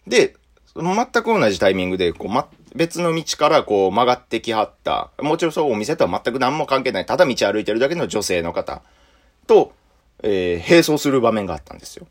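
A young man with a Kansai accent, a comedian telling a story in a comic monologue. He jumps high for emphasis and drops low for asides. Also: sing-song, fairly quick. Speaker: stand-up comedian.

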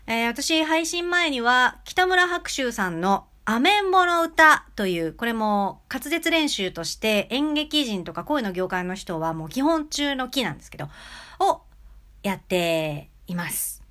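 A woman hosting a casual solo podcast lesson, talking close to an angled mic and demonstrating shifts in speed, pitch and loudness. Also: big pitch swings, unhurried. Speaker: podcast host giving recording tips. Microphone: close mic about ten centimeters away, angled.

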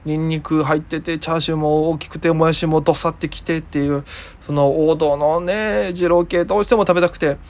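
Young man, comedian, solo podcast chat, rambling, quick delivery, slightly high voice. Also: fairly even intonation, a little mellow. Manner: rambling, chatty, self-amused. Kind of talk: casual solo podcast monologue.

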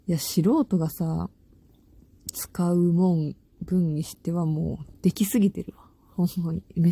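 Gravelly loud-voiced Kansai woman. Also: fairly low pitch, dry recording. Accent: Kansai Japanese. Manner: loud voice, by her own account; rambling, laughs often, slangy. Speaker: podcast host. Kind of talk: casual solo chat.

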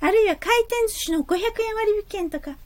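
Brazen, flighty office lady played by a woman: extremely high voice, blunt teasing, theatrical stage-comedy delivery. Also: normal speed, a little mellow. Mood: brazen, greedy. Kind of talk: comic stage play acting.

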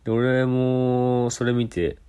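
A man casually telling a personal anecdote in an animated way, acting out the people in it. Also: medium pitch, slow, smooth. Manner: animated, acts out quoted voices. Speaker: storyteller.

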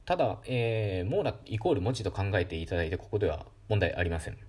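A man hosting a solo educational talk show, explaining calmly with many fillers. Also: deep voice, quick pace, breathy edge. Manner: calm, explanatory, with frequent fillers. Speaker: podcast host.

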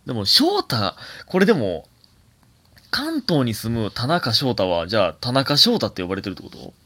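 A young man with a Kansai accent, hosting a solo talk show, chatting casually and reading listener mail in a rambling, animated way. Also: mid-range voice, normal speed. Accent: Kansai Japanese. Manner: chatty, animated, rambling musings with laughs and self-corrections. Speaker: podcast host.

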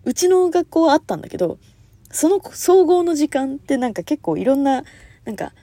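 A young woman hosting a casual solo talk show, chatty and animated, with lots of fillers and frequent laughs. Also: sits high, a little fast, dry recording. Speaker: podcast host.

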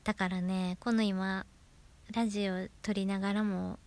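A woman's voice: medium pitch, level tone, a little slow, darkish tone. A woman from Osaka with a Kansai accent, chatting alone on her radio talk show and laughing at herself. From Osaka, Japan. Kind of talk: casual solo chat.

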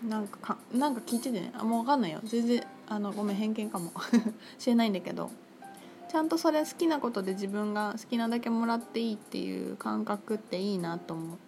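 A woman talking casually on her own about her crystal shop, chatty and full of fillers, lively when she quotes others. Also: medium pitch, quick pace. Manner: chatty, filler-heavy, animated quoting. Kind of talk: casual solo talk. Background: music.

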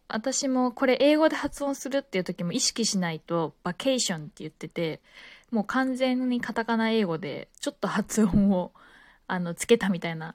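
A Japanese woman speaking alone in a relaxed, casual way, with frequent fillers. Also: mid-range voice, no room sound, clean studio sound. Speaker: podcaster. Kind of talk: casual solo talk.

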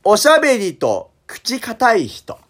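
A man with a hoarse, gravelly smoker's rasp, chatting casually as a podcast co-host. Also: extremely high pitch, wildly swooping pitch, slow pace, a bit bright. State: hoarse throat. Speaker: podcast co-host, theatre troupe member. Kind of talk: casual banter.

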